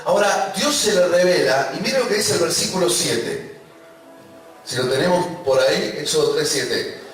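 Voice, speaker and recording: A man's voice: on the high side, expressive, normal speed, fairly bright tone, soft background music. A man with a River Plate Spanish accent, preaching a sermon and prompting the congregation to repeat after him. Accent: Rioplatense Spanish. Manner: emphatic preaching with congregation call-and-response. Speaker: pastor. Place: church. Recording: echoey church hall from far off.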